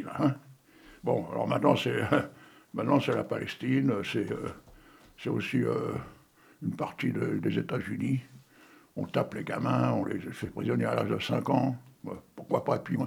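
A man in his sixties hosting a poetry session, chatting and joking between readings and reciting verse, with a gravelly, raspy voice. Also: medium pitch. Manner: chatty, joking, digressive, coughing now and then. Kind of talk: casual chat and poetry reading.

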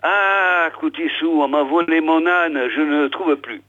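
A man's voice: normal speed, fairly bright tone, husky. Man doing a nasal, simple-minded village man. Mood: pleading. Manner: high plaintive calling. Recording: tinny phone-like old recording.

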